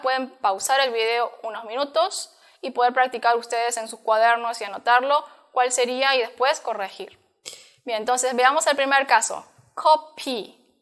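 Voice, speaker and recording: A woman's voice: on the high side, fairly bright tone, smooth. Patient woman teaching a language lesson. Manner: patient, step-by-step explaining with frequent "¿sí?" checks. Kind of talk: recorded online lesson.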